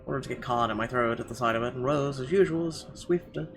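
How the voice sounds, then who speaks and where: A man with a mid-range voice talks fairly quickly over music while doing a let's play. He reads visual novel narration aloud expressively, stumbling now and then.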